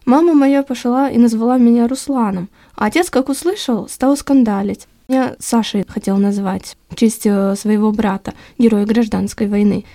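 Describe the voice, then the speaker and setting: A woman reading a story aloud in the first person, lively and expressive. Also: a little high, moderate pace, few pauses.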